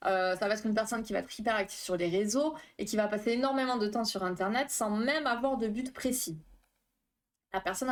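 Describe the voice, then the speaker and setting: Hosting a live stream, a woman therapist explains phobias in a chatty, casual manner, with many fillers and asides to her chat. Her voice is medium-pitched.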